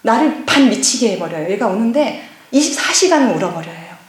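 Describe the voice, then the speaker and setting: A middle-aged woman, a pastor's wife, giving a lively personal testimony at a church seminar and acting out past conversations. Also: a little high, brisk. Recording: echoey church hall.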